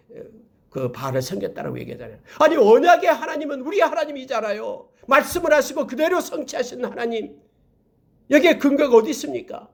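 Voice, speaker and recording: Brief: male pastor, fairly high voice, emphatic Bible-teaching delivery with big upward pitch swings, speaks directly to the congregation. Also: creaky. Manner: emphatic, swings pitch up sharply on key words; addresses listeners directly.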